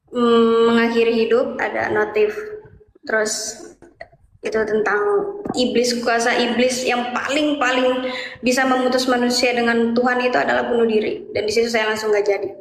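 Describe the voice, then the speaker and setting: A young woman speaks in a slightly high voice, earnest and full of fillers as she recounts her story. The room rings with a clear echo, and faint noise sits under her voice. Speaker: guest sharing her conversion story. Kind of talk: casual testimony.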